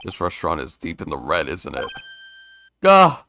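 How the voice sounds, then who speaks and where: A man's voice: very deep voice, huge pitch swings, moderate pace, creaky, bright, forceful tone, slight background noise, heavily acted. A man reading the lines of an earnest young male defense lawyer in a plain, accusatory way. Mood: accusing.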